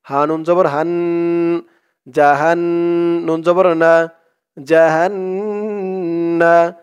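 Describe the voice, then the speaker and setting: High-voiced man teaching slow Arabic recitation. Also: flat delivery, clear, resonant tone, muffled recording. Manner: spells Arabic letter by letter, then chants words slowly; addresses viewers directly, asks them to repeat. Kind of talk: recitation lesson.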